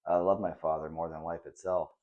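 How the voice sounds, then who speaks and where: A man reading the part of a kind, patient father who talks softly and reassuringly to his son in a children's story. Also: low voice, little pitch movement, a little fast, narrow, tinny audio. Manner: soft and reassuring.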